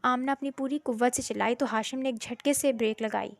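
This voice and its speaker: A woman narrating a romantic storybook in a steady, dramatic reading voice, recorded close in a quiet room. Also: a little high, creaky, no echo.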